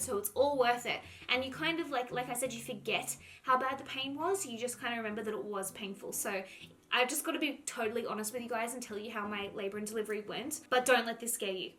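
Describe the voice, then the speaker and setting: A young woman telling a personal story to camera in a chatty, animated way, full of "like". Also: a little high. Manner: chatty, animated, says "like" a lot. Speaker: vlogger.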